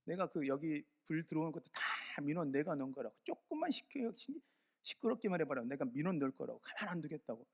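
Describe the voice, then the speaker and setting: A pastor doing an irate blustering neighbor. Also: male voice, a little high, fast talker, few pauses. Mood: indignant. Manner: indignant, blustering. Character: irate grumbling male neighbor making threats.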